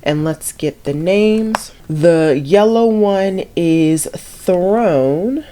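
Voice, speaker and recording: A woman's voice: lowish voice, drawn-out words, dark tone, slight background noise. A young woman, a beauty vlogger, chatting casually through a swatching video, her voice nasal from a cold and her talk rambling with fillers.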